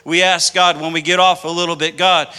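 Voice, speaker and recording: A man's voice: a little high, flat delivery, fairly quick, pushed and bright, smooth. A man preaching a sermon as pastor, telling stories with impassioned delivery.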